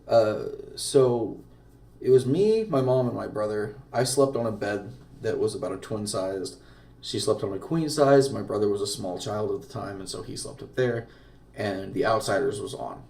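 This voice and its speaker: A man casually telling a long personal story, swearing often and rambling in a low-key way. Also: moderate pace, creaky, darkish tone. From Arkansas. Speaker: podcast host telling a story. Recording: echoey room, far from mic.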